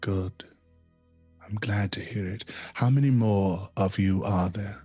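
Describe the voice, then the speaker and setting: A man's voice: fairly low pitch, steady tone, takes it slowly, dark tone, breathy edge, highs cut off, faint music behind, pitched below the performer's own voice. A man voicing a cold, menacing female cult leader in a tabletop game, silky and threatening.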